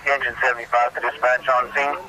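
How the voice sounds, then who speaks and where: A man's voice: mid-range voice, level tone, fast, crowd noise. A man from a rescue crew checking in with dispatch over a police radio in short coded calls. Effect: heard over a police radio. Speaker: emergency crew radio caller. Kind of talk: terse radio call codes. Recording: noisy distant police radio.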